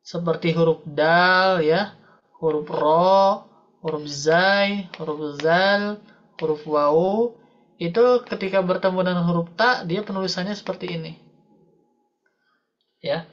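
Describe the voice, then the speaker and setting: A woman's voice: lowish voice, slow pace, pauses often, dull audio. A woman teaching a recitation class over a video call, patiently explaining and often checking in with her students. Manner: patient, repeats "ya" and "Ibu Bapak" often. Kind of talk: online tajwid class, explaining slowly.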